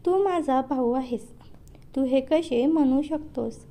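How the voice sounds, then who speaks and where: A woman's voice: high-pitched, takes it slowly, dark tone. A woman voicing a tearful pleading elder sister. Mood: angry.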